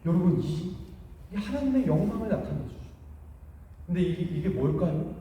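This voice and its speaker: A man's voice: high voice, expressive, normal speed, mellow. A male pastor preaching a sermon, telling the story with animation and acting out the quoted speech. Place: church sanctuary. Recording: echoey hall, voice from far off.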